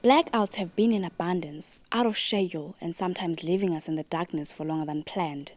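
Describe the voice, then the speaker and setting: A woman's voice: lowish voice, a little fast, dry recording. A woman news presenter reading a satirical report in a straight-faced, dry delivery. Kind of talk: mock-serious news narration.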